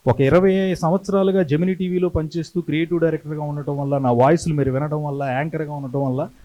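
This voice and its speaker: A middle-aged man tells stories to his hometown crowd in a slightly raised voice. He talks with lively energy and slips into the voices of the people he quotes. His tone is that of a practiced TV anchor. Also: a little high, quick pace, highs cut off. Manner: animated, acts out quoted voices. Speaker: TV anchor and creative director telling stories. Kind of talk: storytelling speech to a hometown audience.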